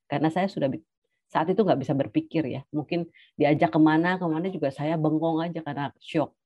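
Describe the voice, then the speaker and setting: A middle-aged woman giving a personal testimony as a cancer survivor, hesitant, with many pauses and fillers. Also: low voice, fairly even intonation, mellow, dry recording, muffled recording. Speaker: cancer survivor sharing her story.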